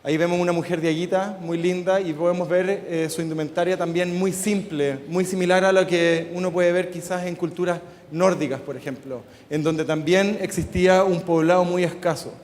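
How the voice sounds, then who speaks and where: A middle-aged Chilean man with a slightly high voice gives a relaxed conference talk, easing between ideas with frequent "eh" fillers. His Chilean Spanish accent carries through a large hall, and the sound trails off in a long reverb. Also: normal speed, few pauses. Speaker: design conference speaker.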